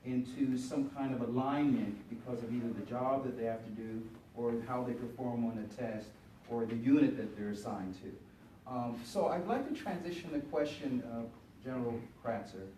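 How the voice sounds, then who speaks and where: Male moderator, halting delivery, distant mic in a reverberant room. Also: medium pitch, dark tone, a little hiss or hum. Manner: hesitant, with many fillers. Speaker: panel moderator. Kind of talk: moderating a panel.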